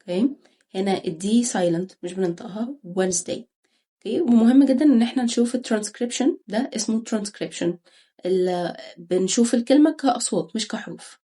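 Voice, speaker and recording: Young Egyptian woman, English tutor, breathy, word-by-word drill pacing. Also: a little high, mellow. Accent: Egyptian Arabic. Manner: repeats each word slowly, says okay often. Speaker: English teacher. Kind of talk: pronunciation lesson.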